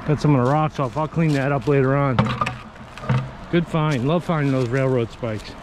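A chatty, upbeat man in his forties narrates his magnet fishing from an old railroad bridge over water, talking to the viewer as he works. His medium-pitched voice moves at a moderate pace, captured by a wearable action camera with noisy outdoor audio.

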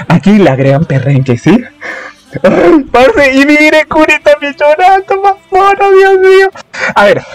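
A man with a Colombian accent hosting a reaction video, talking excitedly and exclaiming at his viewers. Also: high voice. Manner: animated, exclamatory, chatty with viewers.

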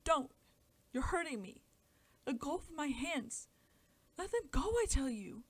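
A woman's voice: high-pitched, very animated, unhurried, voice pushed up. A woman voicing a wild, terrified young girl who screams and pleads in a story reading. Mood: screaming.

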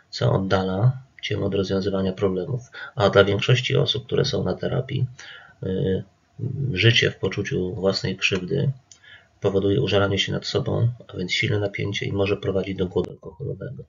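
Gravelly, husky man teaching calmly. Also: sits low, normal speed, muffled recording. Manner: calm, instructive, addresses listener directly. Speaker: addiction therapist. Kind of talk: talking-to-camera presentation.

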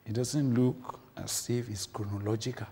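A man preaching a sermon, impassioned, moving from loud declarations to hushed near-whispers. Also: mid-range voice, fairly even intonation, normal speed. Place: church. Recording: church hall reverb.

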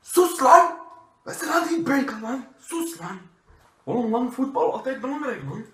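A man's voice: very high-pitched, sing-song, moderate pace, a little mellow, voice pushed up. A young man playing a bickering, football-mad Turkish-Dutch burglar in a comedy sketch, with emphatic, repetitive broken Dutch and a Turkish accent. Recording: roomy echo of a bare room.

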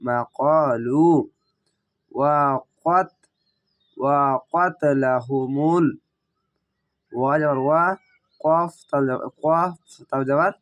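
This is a man giving a patient recitation lesson, with a voice that sits a little higher than most men's. He breaks each word into its syllables, then chants the whole word slowly and stretched out. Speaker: Quran reading teacher.

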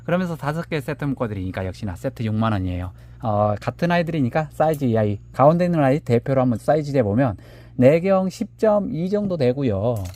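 A man showcasing handmade plant pots in a relaxed selling chat. His pitch moves up and down a lot as he talks. He measures each pot aloud and fondly calls the pots "little ones". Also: a little fast, no echo. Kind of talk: product showcase live sale.

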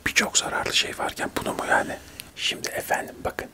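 A man in his thirties doing a whispered role-play of a testy TV debate, arguing insistently in a breathy whisper. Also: fairly quick. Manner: whispering throughout, argumentative, insistent. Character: testy male TV debate guests squabbling in whispers. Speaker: ASMR creator acting out a debate show.

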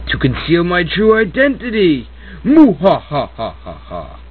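A man's voice: high voice, huge pitch swings, a little slow, full character voice. A man voicing a blustering, dim masked bank robber in an amateur comedy cartoon. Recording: tinny, faintly noisy homemade audio.

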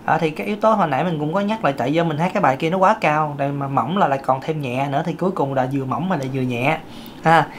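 Guy, thin light voice, chatty singing teacher, lots of uhs, pitch jumps up now and then. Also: slight background noise. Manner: chatty, with many fillers and sudden pitch jumps. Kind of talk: casual talking lesson.

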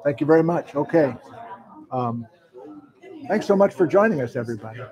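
A chatty man hosts a university geology talk livestream from a lecture room, rattling off viewers' hometowns. His voice sits a little high and sounds mellow and soft-edged. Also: lively intonation, a little fast, poor audio. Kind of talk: casual welcoming chat. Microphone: mic worn by host.

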